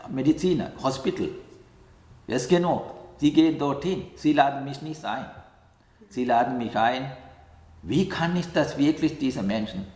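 A man speaks slowly and haltingly, pausing to find words and tagging his thoughts with a questioning "ja?". His voice sits a little high for a man. The room around him rings with a long, echoey reverb. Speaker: meditation teacher who accompanies the dying. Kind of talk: calm reflective interview answer.

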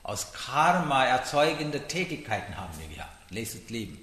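Man, Buddhist teacher, dharma talk, halting broken phrasing, animated pitch, roomy reverberant hall. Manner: halting, broken grammar, frequent "Ja?" check-ins.

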